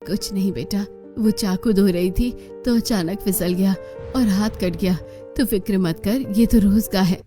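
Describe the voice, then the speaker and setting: A woman voicing a weary, overworked mother in a cartoon, speaking softly and meekly. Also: medium pitch, a little slow, faint music behind, close to an everyday voice. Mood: tender. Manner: soft, tired, submissive. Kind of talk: cartoon voice acting.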